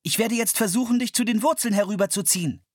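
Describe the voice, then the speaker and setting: A reader voicing a young boy who shouts urgent encouragement to his sister. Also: medium pitch, fast, breathy edge, no echo, clean studio sound, voice pushed up, close to an everyday voice. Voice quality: raised, urgent calls. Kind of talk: audiobook character voice.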